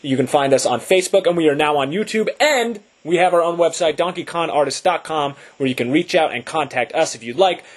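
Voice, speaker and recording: Husky-voiced man co-hosting a podcast. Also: a little high, animated, a little fast, hardly any pauses. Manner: joking, loose and upbeat. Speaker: podcast co-host. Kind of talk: casual podcast chat.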